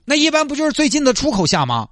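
A man acting as an exasperated highway traffic cop who scolds a stranded driver with incredulous questions. His pitch rises and falls a lot, and the sound is close and dry. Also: huge pitch swings, rapid-fire, a bit bright, dry recording, heavily acted.

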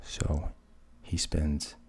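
A man retelling fairy tales in a hushed, half-whispered narration, with wry deadpan asides. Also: drawn-out words. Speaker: storyteller.

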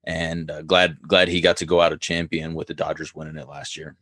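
Deep-voiced man, casual sports co-host. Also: little pitch movement, a bit bright, dry recording. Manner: easygoing, halting, with frequent fillers.

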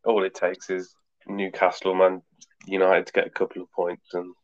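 A man's voice: low voice, completely flat delivery, moderate pace, dull audio. A man guest in casual chat, blunt and pessimistic, his voice echoey and distant as if in a cave. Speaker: podcast guest.

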